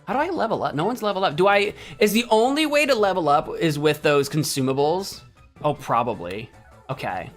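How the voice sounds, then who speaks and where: Soft music plays under this fairly quick, slightly high male voice with big swings in pitch. He's an American streamer musing through a game, wandering off track, fixing his own words, and sparring with chat in playful mock outrage.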